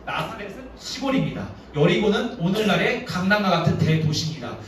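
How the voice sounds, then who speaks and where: A man who is a youth pastor, preaching a storytelling sermon in a lively manner and acting out the quotes, recorded from a distance in a very echoey church. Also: sits high, a little fast. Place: church sanctuary. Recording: very echoey hall, distant mic, faint noise.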